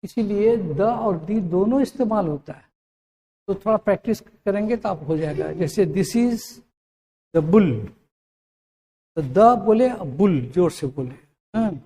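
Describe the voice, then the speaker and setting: A grammar teacher explaining a lesson who asks and answers their own questions, checks whether the class has understood, and says English examples slowly. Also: medium pitch, expressive, mellow.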